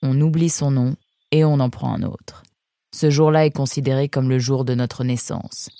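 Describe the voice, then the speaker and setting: A calm young fox girl who answers everything in a dry, matter-of-fact tone, as a woman voices her. Her voice sits low and mellow. She belongs to a gentle children's storybook. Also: moderate pace, slight background noise.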